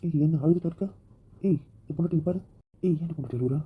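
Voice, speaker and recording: A man performing the lead role of an amateur romantic audio drama, talking fast and often pleading softly. His voice is husky, and it comes through thin and tinny like a phone line. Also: on the high side. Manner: pleading, soft-spoken apologies.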